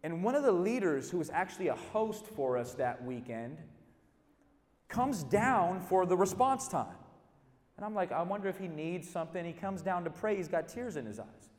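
A middle-aged male pastor preaching a storytelling sermon, dropping quiet and then building to loud emphasis. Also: sits high, big pitch swings, moderate pace. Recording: reverberant hall.

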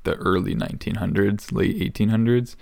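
Very deep, gravelly male podcast co-host. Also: fairly quick. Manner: hedging, relaxed storyteller. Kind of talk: casual chat.

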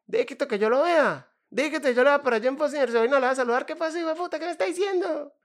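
A man's voice: very high voice, rapid-fire, pitched above the performer's own voice. A man putting on a rowdy, cursing Andean Venezuelan man with a gocho accent, blunt and boisterous.

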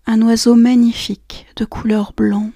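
A woman guiding a relaxation and meditation session in a soft, slow, half-whispered voice. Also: fairly high pitch, level tone, gravelly, dry recording, clean studio sound. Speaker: relaxation guide. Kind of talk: guided meditation.

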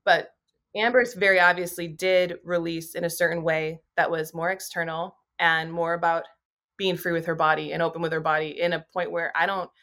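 Slightly low-voiced woman, candid astrologer guest, rambles loosely with lots of fillers. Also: fairly even intonation, normal speed, fairly bright tone. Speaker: astrologer and YouTuber. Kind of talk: casual podcast conversation.

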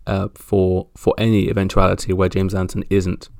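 A man with a gravelly, lowish voice presents a casual sports roundup on his own. His delivery is wry and halting, like a podcast host thinking as he goes. The sound is dry, with very little room on it. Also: monotone, a little mellow, no room sound.

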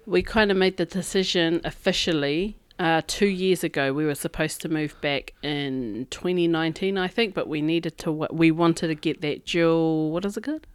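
A woman's voice: sits low, moderate pace, hardly any pauses, clean tone, no room sound. A woman with a New Zealand Māori English accent co-hosts a podcast, telling stories in a chatty, colloquial way. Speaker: podcast co-host. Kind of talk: casual chat. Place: makeshift setup in hotel room.

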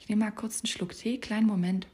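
A woman giving a motivational coaching talk, speaking softly and often in a whisper as she guides the listener with gentle instructions. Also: medium pitch, steady tone, quick pace. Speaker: life coach.

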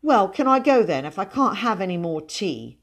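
A woman's voice: mid-range voice, very animated, moderate pace, voice pushed up. A woman voicing a stubborn, cheeky schoolboy who argues in an aggrieved, petulant way. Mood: indignant.

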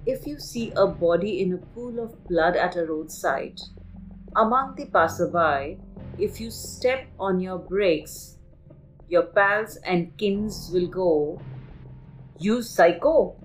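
A woman from Kolkata with an Indian English accent hosts a poetry podcast and recites her poem in an emphatic voice with dramatic pauses. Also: fairly low pitch, faint music behind, low-quality recording.

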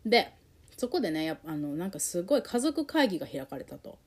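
Woman vlogging about her own life, mellow voice, super expressive pitch, emotional and candid. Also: fast. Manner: emotional, animated, reflective, with many fillers. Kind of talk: candid personal storytelling.

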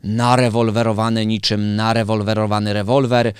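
A man's voice: lowish voice, flat delivery, moderate pace. A man hosting an educational show in witty, self-ironic scripted narration. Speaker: educational host.

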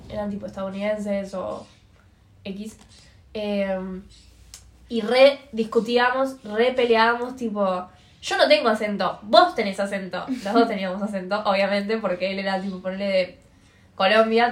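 A woman's voice: medium pitch, moderate pace. Young Argentine woman in an echoey room. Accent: Buenos Aires Rioplatense Spanish. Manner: relaxed conversational storytelling. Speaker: podcast co-host. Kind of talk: casual chat. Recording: roomy echo.

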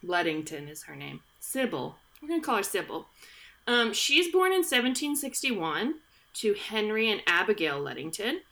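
A woman's voice: mid-range voice, sing-song, normal speed, creaky, pushed and bright. A woman hosting a podcast, retelling history in a chatty, jokey way with plenty of fillers and asides into a studio mic. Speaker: podcast host. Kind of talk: casual history chat. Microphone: studio podcast microphone.

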